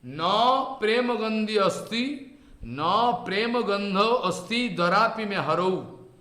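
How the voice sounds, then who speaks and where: A man giving a spiritual lecture in short, halting phrases, chanting verses slowly. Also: high voice, animated, bright, forceful tone, echoey room.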